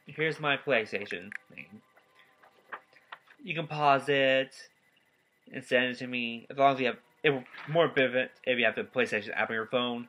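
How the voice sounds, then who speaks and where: A nineteen-year-old man giving a casual, rambling vlog update, tired and yawning, talking in halting stops and restarts. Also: medium pitch, bright, forceful tone, slight background noise, low-quality recording. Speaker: gaming YouTuber. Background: faint game soundtrack.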